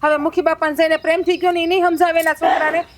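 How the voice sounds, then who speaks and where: A woman plays a sensible young village wife in a village family drama, talking in a high voice and steadily reasoning for calm. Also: racing, slight background noise. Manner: calming, reasoning. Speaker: sister-in-law.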